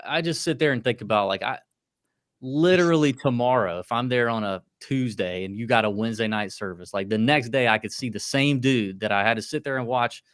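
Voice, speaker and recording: A man's voice: mid-range voice, fairly quick, clear, resonant tone, no room sound, clean studio sound. A man in his late thirties hosting a podcast, ranting in casual chat with lots of restarts and asides. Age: 30s. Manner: rambling, animated rants with restarts. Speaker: podcast host.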